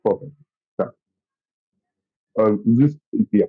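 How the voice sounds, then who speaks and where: A man speaking as a business guest over a patchy video call that freezes and drops out, talking in a businesslike way with fillers. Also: slow pace. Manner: businesslike, with frequent fillers and restarts. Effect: patchy internet video-call connection that freezes and drops out. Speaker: startup founder guest. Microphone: laptop or phone on a video call. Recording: tinny lo-fi video-call audio.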